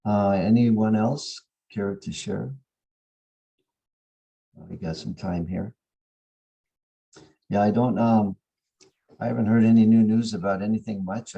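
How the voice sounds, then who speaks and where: A very deep, gravelly male voice, dark and husky, chatting as host of a morning devotion call. He keeps things easygoing and laughs lightly between thoughts over a video call. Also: poor audio. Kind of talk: casual group-sharing talk.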